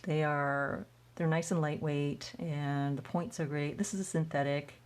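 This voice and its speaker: An American artist who grew up speaking Chinese first hosts a livestream Q&A, painting while casually chatting and reading viewers' comments aloud. Her voice is low and a little slow, with fairly even intonation.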